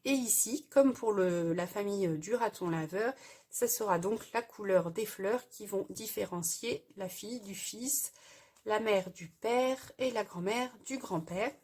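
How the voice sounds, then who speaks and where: Husky-voiced woman explaining a craft project. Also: medium pitch, measured pace, a little mellow. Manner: hesitant, explanatory, frequent "euh" fillers. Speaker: craft tutorial host. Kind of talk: casual crafting tutorial voice-over.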